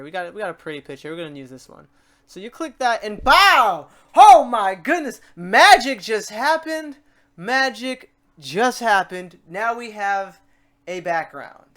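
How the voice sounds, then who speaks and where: A tutorial host with a medium-pitched voice walks the viewer through software steps. The style is casual, animated and full of slang, and the host acts out a learner's questions and exclamations.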